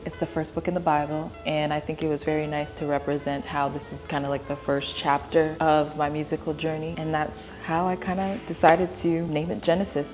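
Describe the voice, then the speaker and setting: A woman's voice: low voice, darkish tone. A young woman from South Sudan, a singer-songwriter, talking earnestly and reflectively to camera about her music. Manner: earnest, reflective, unhurried storytelling. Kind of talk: casual vlog talk to camera. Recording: faint music underneath.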